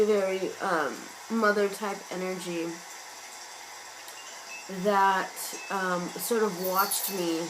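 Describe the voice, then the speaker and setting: A woman vlogger, hoarse and losing her voice, musing in a chatty, meandering, self-mocking way. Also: mid-range voice, noisy background. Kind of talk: casual musing vlog. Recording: loud rain and thunder sounds from an app behind the voice. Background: rain and thunder ambience sounds.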